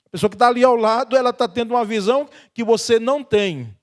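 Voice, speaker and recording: A Brazilian pastor delivers a conversational sermon in a church, his voice sitting notably high for a man. He leans on friendly tag questions and frequent chuckles to keep the congregation with him. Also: quick pace. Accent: Brazilian Portuguese.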